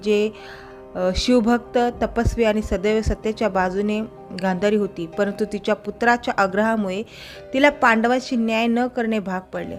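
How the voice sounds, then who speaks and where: A woman's voice: mid-range voice, fairly even intonation, moderate pace, soft background music. A woman telling a traditional story in a casual, conversational way, now and then correcting small slips as she goes.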